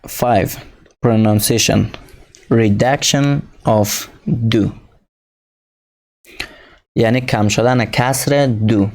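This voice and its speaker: Gravelly, dark-voiced male English teacher. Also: medium pitch. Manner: reads English examples slowly, explains quickly in Persian. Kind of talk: recorded lesson explaining a textbook.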